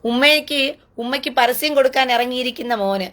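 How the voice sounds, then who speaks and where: A woman's voice: high-pitched, a bit bright. Woman in a taunting, mocking rant. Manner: taunting, mocking sing-song, drawn-out repeated jeers. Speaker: online political commentator.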